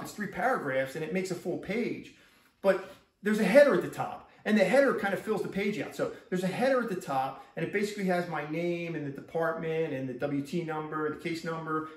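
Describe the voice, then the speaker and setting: A middle-aged man, a police officer, giving a rambling first-person account that is full of repeats and restarted sentences. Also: high voice. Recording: echoey room, far from mic.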